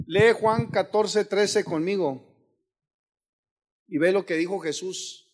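A man preaching a sermon as pastor, swinging between rising shouts and sudden hushed asides. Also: high-pitched, takes it slowly.

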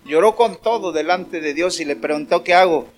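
A man's voice: fairly high pitch, normal speed, soft background music. A man preaching at a worship service, fervent and calling out praises to the congregation. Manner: fervent, shouting praises and acting out a story. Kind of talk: lively evangelical preaching.

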